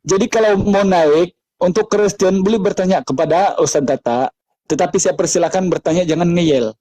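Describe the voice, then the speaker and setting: A man's voice: high voice, normal speed, dark tone, poor audio. A man with an Indonesian accent, a preacher in a heated live debate who presses the same question again and again. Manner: insistent, repeats questions.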